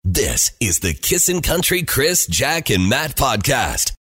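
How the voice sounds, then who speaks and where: A man announcing a radio show ident in a husky voice, in the punchy manner of a radio promo. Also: medium pitch, big pitch swings, takes it slowly, sharp tone, no room sound.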